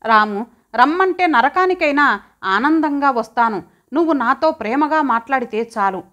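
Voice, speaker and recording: A woman voicing a young village woman in love, speaking softly and pleadingly in a storybook reading. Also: sits high, expressive, moderate pace, muffled recording. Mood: devoted.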